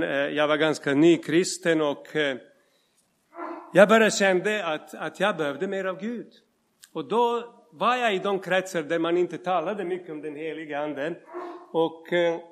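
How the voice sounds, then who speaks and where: Middle-aged male preacher, fairly high voice, lively storytelling sermon delivery. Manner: storytelling, animated, addresses listeners directly. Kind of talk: sermon with personal testimony.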